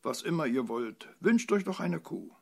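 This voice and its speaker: A man with a medium-pitched voice, vocal fry and a breathy edge performs a storybook reading at a measured pace, very animated and heavily acted. He voices a flustered young good fairy, cheerful at first, whose eager pleading turns increasingly desperate as her wishes are refused.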